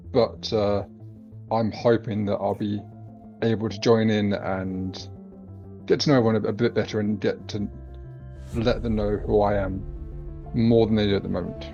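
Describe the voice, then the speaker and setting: A man introducing his tabletop game character in an earnest, slightly halting way. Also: on the low side, gravelly, darkish tone, muffled recording. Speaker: player.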